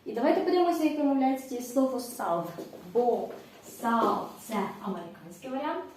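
A woman teacher giving a language lesson, explaining step by step and saying English phrases slowly for students to repeat. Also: high voice, animated, darkish tone, recorded from a distance, slight background noise. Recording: echoey room, voice from off-mic.

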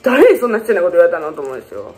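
A young woman with a chats quickly through a shopping haul and jumps between playful tangents and jokes at her own expense. Her pitch swings up and down a lot as she talks. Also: sing-song, a little mellow, slight background noise. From Fukuoka, Japan. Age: 20s. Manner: joking, self-mocking, playful tangents. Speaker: beauty vlogger. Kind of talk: casual shopping haul vlog.

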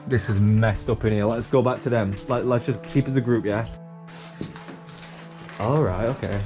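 A young man talks his way through a dark, ruined building, holding the camera at arm's length. His commentary is quick, casual and full of swearing, with music playing beneath his voice. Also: lowish voice. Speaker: urban explorer host. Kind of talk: casual exploration vlog. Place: dark abandoned building, indoors. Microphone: camera held at arm's length.

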